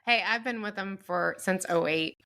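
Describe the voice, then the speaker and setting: A woman's voice: mid-range voice, normal speed, sharp tone. A woman co-hosting a podcast with a Midwestern American accent, conversational, slipping into voices when quoting people. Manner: conversational, mimics others' voices. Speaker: podcast co-host. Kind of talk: casual chat.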